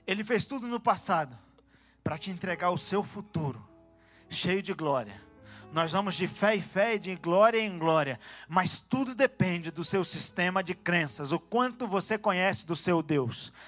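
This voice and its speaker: A man preaching a fervent sermon in a church, swinging between calm teaching and loud, shouted exhortations, with quick asides to people in the room. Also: high-pitched, soft background music. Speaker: pastor.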